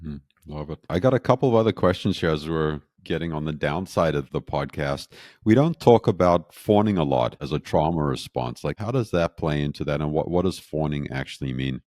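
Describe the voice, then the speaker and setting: A man's voice: a bass voice, animated, fairly quick, darkish tone, dry recording, clean studio sound. A man hosting a podcast interview, asking questions in a casual, conversational way. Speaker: podcast host.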